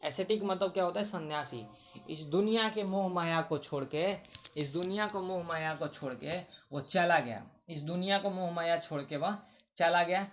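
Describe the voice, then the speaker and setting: In a casual Hindi lesson on English vocabulary, a man with a high, fairly bright voice speaks at a moderate pace. He repeats words often and poses questions only to answer them himself, with faint music playing behind him.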